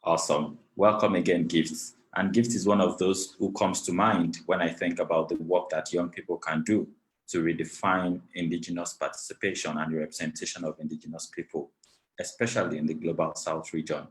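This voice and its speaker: With a low, flat delivery that runs a little fast, this webinar moderator from Nigeria leads a panel by video call. He is gracious and formal, spending a long time thanking numerous people.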